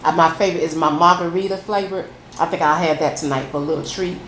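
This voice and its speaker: Low-pitched woman chatting in an echoey room. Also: fairly even intonation, fast talker, fairly bright tone. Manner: folksy, addresses listeners as y'all. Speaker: food vlogger. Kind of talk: casual chatty mukbang, talking to viewers while eating. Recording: echoey room, faint background noise.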